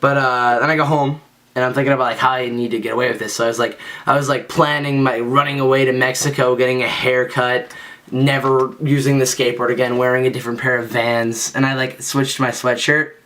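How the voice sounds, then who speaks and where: Young guy, casual storyteller, rambling and self-deprecating, mid-pitched voice. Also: level tone, a little fast, fairly bright tone. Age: young adult. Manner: rambling and self-mocking, with frequent fillers. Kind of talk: casual spoken anecdote.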